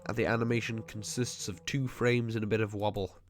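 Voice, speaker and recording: Stuffed up from a cold, this man comments on the game he's playing in a lowish, level, nasal voice. He's a gaming video host, chatty and nitpicky, full of quick asides.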